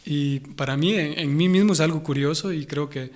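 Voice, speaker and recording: Thoughtful Honduran man, slightly high voice. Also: normal speed. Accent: Honduran Spanish. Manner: thoughtful, searching for words with many restarts. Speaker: interview guest, Hare Krishna devotee. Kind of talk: conversational interview.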